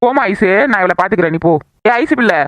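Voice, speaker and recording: Woman doing a fast-talking young mom. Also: medium pitch, expressive, heavy background noise, natural voice. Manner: chatty, gossiping. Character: tired young mother rocking a crying baby. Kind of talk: cartoon voice acting.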